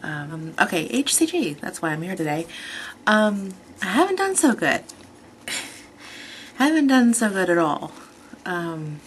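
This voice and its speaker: A woman's voice: deep voice, fairly bright tone, a little hiss or hum. A woman in her thirties talking casually in a rambling, chatty personal vlog, often correcting herself. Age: 30s. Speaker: vlogger.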